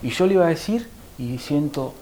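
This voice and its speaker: A man's voice: fairly high pitch, animated, fairly quick, warm tone, slight background noise, poor audio. A man with a Rioplatense Spanish accent gives an emotional personal conversion testimony as a guest. He tells the story vividly and acts out what others said to him.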